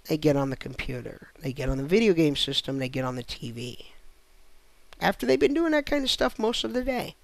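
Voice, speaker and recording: A man's voice: fairly high pitch, very animated, a little fast, gravelly, no room sound. A man delivering a blunt, sarcastic comic rant as a lecturing host. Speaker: host ranting to camera.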